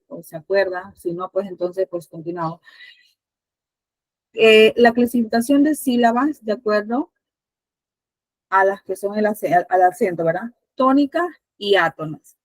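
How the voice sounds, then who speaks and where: A woman's voice: medium pitch, no echo, rough recording. A Spanish teacher with a Panamanian accent, a woman, patiently asking her students questions with many fillers.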